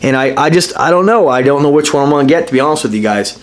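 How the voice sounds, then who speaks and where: A man's voice: on the high side, lively intonation, racing. A man hosting a casual watch review vlog, talking to his viewers in an enthusiastic, rambling way with lots of fillers and restarts. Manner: addresses viewers directly as guys. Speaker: watch reviewer and channel host.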